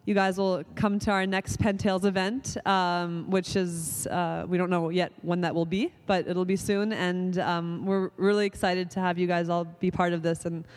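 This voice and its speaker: A woman hosting an event, giving casual closing thanks with many halting pauses. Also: fairly low pitch, little pitch movement. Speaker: event host. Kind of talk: closing remarks. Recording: echoey with long reverb.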